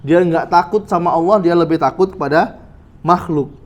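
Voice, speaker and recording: This is a male Islamic preacher delivering a study sermon to the brothers, full of rhetorical questions and repeated "ya" check-ins with the audience. He talks at normal speed with a fairly high pitch, and the audio sounds dull.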